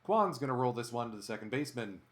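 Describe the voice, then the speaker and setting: A man narrates a baseball video game for his stream, delivering each play in sportscaster fashion. His voice sits at an ordinary middle pitch but moves through it with lively, animated swings. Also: fast talker, slight background noise. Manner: animated sportscaster-style calls. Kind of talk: play-by-play commentary while gaming.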